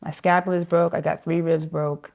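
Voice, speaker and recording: A woman's voice: low-pitched, level tone, a little fast, gravelly, a little mellow. A woman saxophonist being interviewed, telling a story vividly and acting out the voices of people she quotes. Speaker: jazz saxophonist guest.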